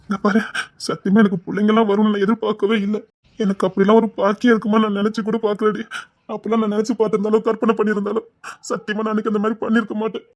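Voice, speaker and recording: A man with a Tirunelveli accent playing a remorseful young husband, pleading in a hushed, tearful voice. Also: high-pitched, completely flat delivery, racing, natural voice. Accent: Tirunelveli Tamil. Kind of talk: web drama acting.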